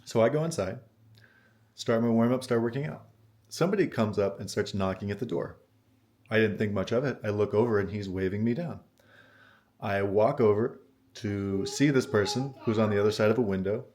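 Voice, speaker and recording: A man with a somewhat low voice talks casually as a vlogger sharing a personal story. His manner is conversational and puzzled, as if putting the situation to the listener for an opinion. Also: darkish tone. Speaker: vlogger telling an anecdote.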